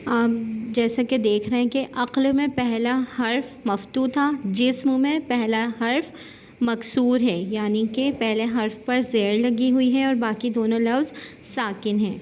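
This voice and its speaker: Woman, teacher, grammar lesson, careful word-by-word reading, fairly high voice, faint background hiss. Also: darkish tone. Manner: reads word lists slowly and clearly, correcting common mispronunciations. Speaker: Urdu teacher.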